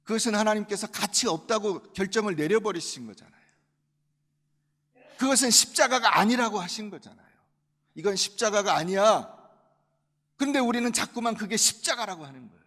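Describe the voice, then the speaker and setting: A male pastor preaching a sermon emphatically, swinging between loud and quiet. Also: high voice, lively intonation, brisk, long reverb tail.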